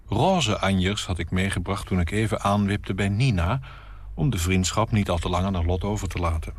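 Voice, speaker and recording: Low, husky man narrating wryly. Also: moderate pace, no room sound. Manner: wry, understated. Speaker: radio story reader. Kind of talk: first-person radio story narration.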